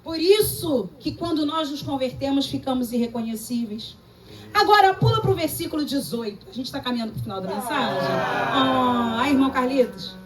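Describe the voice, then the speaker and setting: A woman pastor with a Brazilian Portuguese accent, preaching a lively, emphatic sermon full of personal stories. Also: high voice, normal speed, noisy background. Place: church service. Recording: distant mic with faint room ambience.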